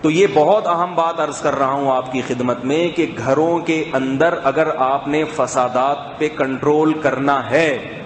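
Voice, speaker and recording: Male preacher, slightly high voice, emphatic then hushed, recorded in an echoey mosque with faint noise. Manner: swings between raised emphatic calls and hushed soft asides. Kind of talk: mosque sermon.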